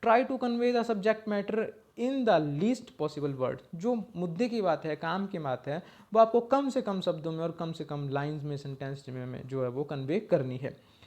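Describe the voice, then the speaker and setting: High-voiced man teaching a lecture. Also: unhurried, darkish tone. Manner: explains step by step, often checks in with a short "okay" and reads lines out in English. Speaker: exam-prep teacher. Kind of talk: slide-based lecture.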